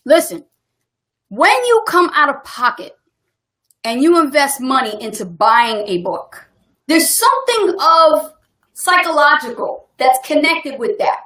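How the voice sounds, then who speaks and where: Upbeat lady cohost on a webinar, high voice, laughs a lot, pushy motivational talk. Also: big pitch swings, unhurried, fairly bright tone, echoey room. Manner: upbeat, emphatic, laughs often. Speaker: co-host of online business webinar.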